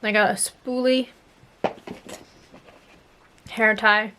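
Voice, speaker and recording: Against a noisy background, a young adult woman with a slightly high, steady voice speaks extremely slowly. She's a vlogger in casual, rambling chat with her audience, musing and trailing off, and her mouth is swollen from dental work, which slightly impedes her speech.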